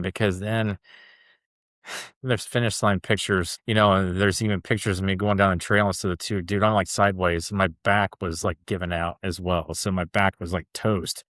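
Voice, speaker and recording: A man's voice: fairly low pitch, a bit bright, no echo, studio quality. A man as a podcast guest, telling a personal story in a loose, chatty way full of "like" and "dude". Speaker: podcast guest, ultra runner. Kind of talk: casual storytelling interview.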